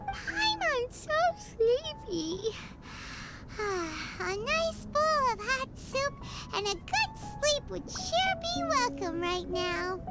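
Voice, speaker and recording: A woman voicing a tiny, childlike, chatty fairy companion with a squeaky voice in an anime-style video game. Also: sing-song, slow, loud music behind the voice, full character voice. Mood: sleepy. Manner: speaks of self in third person, squeaky.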